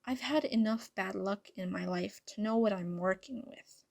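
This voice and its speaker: A woman's voice: medium pitch, normal speed, vocal fry. A woman voicing an earnest teenage boy who stammers when he is shaken, in a fan reading of a story.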